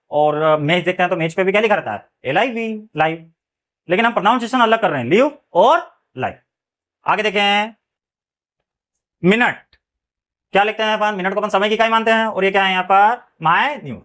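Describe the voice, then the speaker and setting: A man's voice: high-pitched, fairly quick, fairly bright tone. A man teaching English phonics, asking his students a question after nearly every word and then answering it himself. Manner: asks the class questions and answers them himself; often adds a check-in phrase after a point. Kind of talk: classroom-style phonics lesson.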